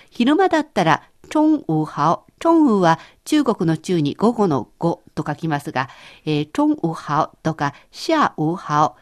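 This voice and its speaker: A woman co-hosting a scripted language lesson, explaining phrases in a conversational way. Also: fairly low pitch. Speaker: language teacher co-host.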